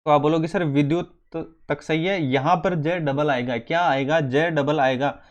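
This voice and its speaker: A man's voice: fairly high pitch, fairly even intonation, normal speed, dull audio. A man teaching an exam coaching lesson, drilling spelling by repeating each word and calling his students friends.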